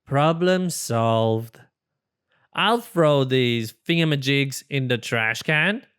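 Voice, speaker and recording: The porcupine in this storybook is male, silly and overconfident, voiced cheerfully by a reader with a breezy, theatrical, self-assured delivery. The medium-pitched voice is slow, fairly bright, clear and resonant, with a confident, upbeat mood.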